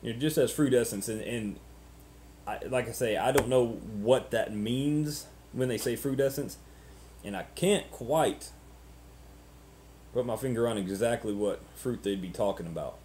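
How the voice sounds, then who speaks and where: A man in his thirties chatting casually and unscripted to camera as a vlogger, halting and ruminative, often repeating words, on noisy webcam audio. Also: mid-range voice, mellow. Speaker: pipe-smoking vlogger.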